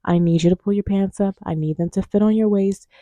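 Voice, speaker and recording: A young woman vlogger telling candid stories in a frank, profane way. She swings between loud outbursts and hushed, near-whispered asides. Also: mid-range voice, fairly even intonation, a little fast, dry recording, lo-fi sound. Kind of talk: candid casual storytelling.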